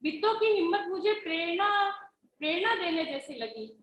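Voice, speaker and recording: High bright lady teacher going over a lesson, keeps asking "right?", faint room hum. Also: big pitch swings, normal speed, roomy sound, highs cut off. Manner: patient, keeps checking with "है ना?" and "ठीक है?". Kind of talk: explaining a Hindi textbook lesson.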